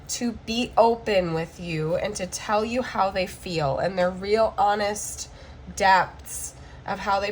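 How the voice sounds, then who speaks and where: Hoarse and cracking as she gets over the flu, a woman with a mid-range voice gives a chatty tarot reading to camera, often checking in with "okay?". There's a little hiss or hum in the recording.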